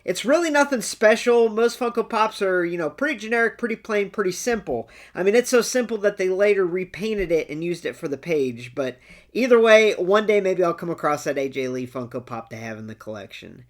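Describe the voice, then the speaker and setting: Chatty collector host doing casual ranking commentary, opinionated, mid pitch voice. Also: expressive, fairly quick. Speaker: video host and toy collector.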